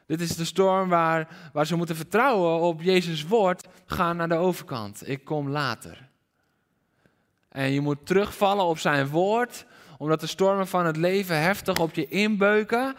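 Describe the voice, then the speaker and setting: A man preaching a sermon to a congregation in a hall, animated and questioning his listeners directly. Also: high voice, moderate pace. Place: church hall with congregation and livestream. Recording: reverberant hall.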